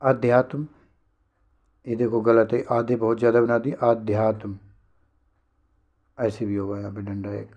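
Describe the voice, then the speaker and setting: A man teaching a spelling lesson for an exam, briskly repeating each word to correct it. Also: fairly low pitch, little pitch movement, lo-fi sound.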